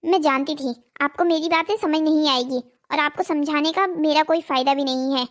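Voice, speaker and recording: A woman's voice: sits high, moderate pace, natural voice. A woman voicing a greedy, nagging village wife in a cartoon drama, scolding and pleading. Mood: complaining.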